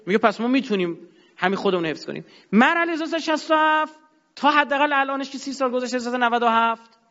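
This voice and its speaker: High-voiced man lecturing emphatically. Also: animated, pushed and bright. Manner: emphatic, rising and dropping sharply. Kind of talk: religious-political lecture. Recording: dull sound in a long-reverb hall.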